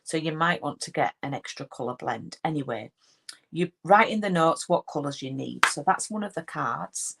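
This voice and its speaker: A Yorkshire woman with a broad accent hosts a casual live card-making stream, chatting and greeting viewers by name, with lots of ums and restarts. Her voice sits low and is gravelly yet a bit bright, with lively intonation and a moderate pace. The recording is slightly rough.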